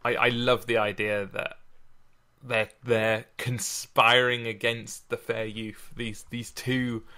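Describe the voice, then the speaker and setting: A man's voice: fairly low pitch, sharp tone. A man co-hosting a casual chat about poetry, hesitant and repeating his words. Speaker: podcast co-host. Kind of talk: casual literary discussion.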